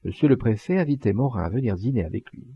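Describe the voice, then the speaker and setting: A man narrating an audiobook in an expressive storytelling manner, with a husky, gravelly voice. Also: on the low side, fast. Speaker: audiobook reader. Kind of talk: scripted narration. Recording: dull lo-fi dry recording.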